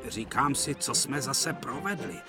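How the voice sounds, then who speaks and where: A man voicing a nervous, excitable young male tank engine in a cartoon dub. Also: medium pitch, over music, lightly acted.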